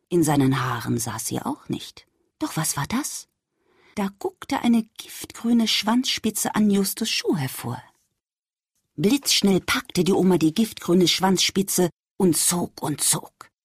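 A woman reading a children's story aloud, speaking gently and addressing the young listener directly. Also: on the low side, breathy edge, no room sound, studio quality.

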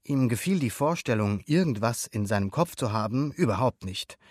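A man narrating a storybook aloud in an expressive, animated way. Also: medium pitch, moderate pace, no echo, clean studio sound. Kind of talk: storybook reading.

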